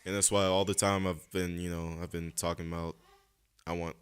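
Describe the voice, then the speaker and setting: A man's voice: low-pitched, flat delivery, clean tone. A young man hosting a casual podcast chat, talking earnestly and reflectively with lots of fillers. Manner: earnest, reflective, speaks slowly with many fillers. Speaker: podcast host.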